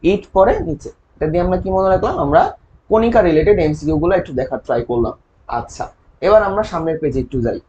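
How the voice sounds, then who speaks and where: Young male tutor, high voice, Bangladeshi Bengali accent, quiz-style exam-prep delivery, constant check-ins. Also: expressive, fast, warm tone, lo-fi sound, slight background noise. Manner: quizzing with rhetorical questions and mnemonics; frequent "ঠিক আছে?" check-ins. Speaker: chemistry tutor. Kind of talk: online exam-prep lecture.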